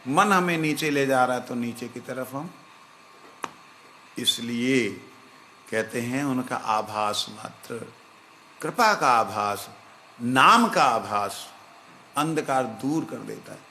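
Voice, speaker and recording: Slow, bright-voiced male preacher. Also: medium pitch, slight background noise. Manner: slow, reflective, breaks into chanting. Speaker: spiritual teacher. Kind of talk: devotional discourse.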